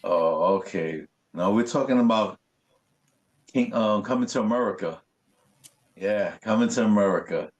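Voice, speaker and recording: A man, a graffiti artist, telling stories in a casual interview, animated and full of swearing and street slang. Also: lowish voice, normal speed, long pauses, lo-fi sound.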